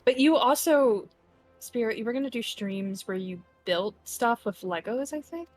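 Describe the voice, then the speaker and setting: A woman's voice: on the high side, animated, moderate pace, darkish tone, soft background music. A woman chatting casually with a friend while playing a game on stream, rambling and telling stories. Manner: chatty, rambling with fillers and restarts. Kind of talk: casual chat while gaming.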